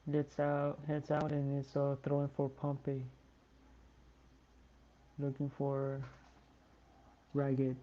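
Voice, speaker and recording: Tired fan commentator for a live stream, slow and flat, muffled audio. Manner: tired, yawning, slow and low-key. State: sleepy. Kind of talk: live watch-along commentary.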